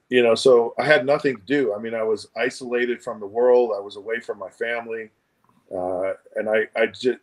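A man of average pitch speaks as a guest over a remote call. He tells a personal story in a halting, thoughtful way, often stumbling over and repeating his words. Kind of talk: casual storytelling interview. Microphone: remote video call.

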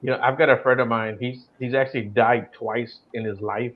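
A man's voice: medium pitch, fairly even intonation, a little fast. A man hosting a podcast interview, chatting in a friendly, rambling way and often repeating words. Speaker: podcast host. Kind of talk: casual interview chat. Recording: dull, muffled audio.

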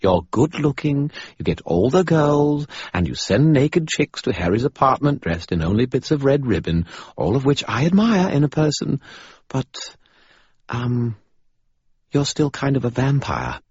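A man's voice: fairly low pitch, sing-song, normal speed, slightly rough, no echo, lo-fi sound, voice pushed up, heavily acted. A man voicing a sarcastic, patronizing male spirit who lives in a skull.

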